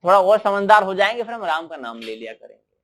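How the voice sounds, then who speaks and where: Brief: man voicing an old grandfather in a spoken devotional tale, earnest and full of excuses, high-pitched. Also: big pitch swings, quick pace. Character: doting old grandfather, attached to home.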